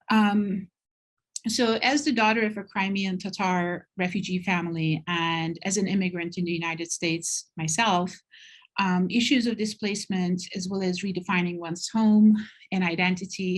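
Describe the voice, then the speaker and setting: A middle-aged woman from Turkey walks an audience through her slides in a lowish voice. She talks at an unhurried pace and fills her pauses with soft ums as she reflects. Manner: unhurried, thoughtful, frequent ums. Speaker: presenter at a university talk. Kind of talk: slide presentation talk.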